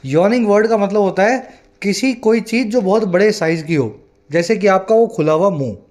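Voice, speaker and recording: A man with a fairly high voice teaches English vocabulary, switching between Hindi explanation and slow, carefully read English example sentences. He checks in with the listener often and breaks each word down step by step. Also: darkish tone. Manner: asks the viewer often whether they follow. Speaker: English tutor.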